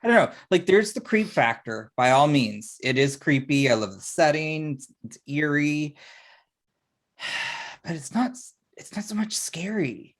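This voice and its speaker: A man co-hosting a podcast in casual chat, relaxed, often sighing and dropping into a murmur. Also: a little high, measured pace. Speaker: podcast co-host.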